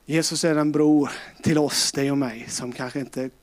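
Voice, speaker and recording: A middle-aged man preaching a sermon with passion, swinging between loud calls and hushed, tender tones. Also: mid-range voice, steady tone. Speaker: pastor.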